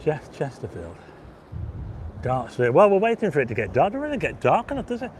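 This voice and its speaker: A chatty livestream host walks along a windy seafront, talking casually into a handheld mic while faint traffic sounds behind him. His voice is a touch high, a little mellow and brisk, with huge swings in pitch, and it's going hoarse as he keeps clearing his throat.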